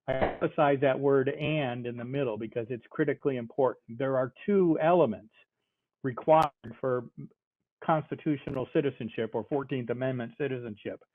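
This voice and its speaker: An older man giving a measured, explanatory talk on constitutional law over a call, pausing often with fillers. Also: medium pitch, dry recording. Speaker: speaker, constitutional law scholar. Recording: tinny phone-like call audio.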